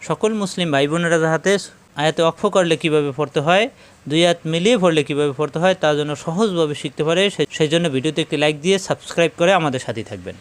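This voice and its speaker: A man teaching recitation, explaining slowly and then chanting verses in a drawn-out style. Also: a little high, clean tone. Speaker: Quran teacher. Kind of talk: recitation lesson.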